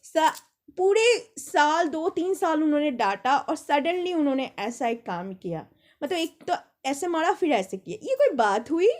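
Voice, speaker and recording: A young woman with a high voice tells rambling personal stories in an easy, conversational way. She slips into quick impressions of the people she talks about. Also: big pitch swings. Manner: chatty, rambling anecdotes with mimicked quotes. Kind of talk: casual storytelling monologue.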